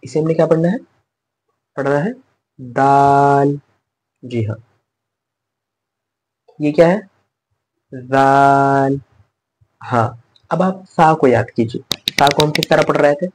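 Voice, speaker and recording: A man's voice: mid-range voice, takes it slowly, pauses often, poor audio. A man teaching letter pronunciation in a patient classroom style, repeating each sound and asking the learner to say it back. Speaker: Quran recitation teacher.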